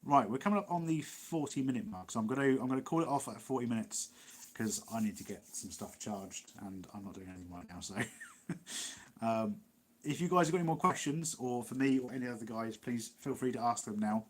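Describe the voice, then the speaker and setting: A man's voice: medium pitch, animated, fairly quick, a little hiss or hum. A man with an East Midlands English accent, hosting a casual live Q&A, chatty and rambling, laughing often. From Nottinghamshire, England. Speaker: livestream host.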